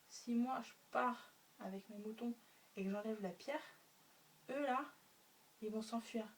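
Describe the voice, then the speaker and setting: A woman retelling a story for a class, hesitant, with many fillers and spoken sound effects. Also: medium pitch. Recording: faint room noise, mic a bit distant.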